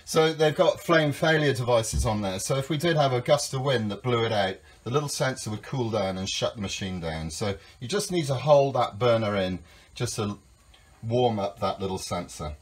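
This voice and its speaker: With a husky, medium-pitched voice and lively intonation, a man in his fifties talks at a moderate pace while touring a small yacht for a sailing school. The handheld phone follows him from the deck into the cabin as he explains each step in a friendly, practical manner.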